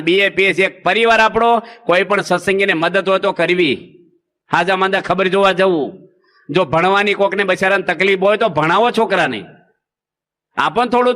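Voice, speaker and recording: Monk w/ giving a sermon, high bright voice, chatty storytelling. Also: male voice. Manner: folksy storytelling with rhetorical questions.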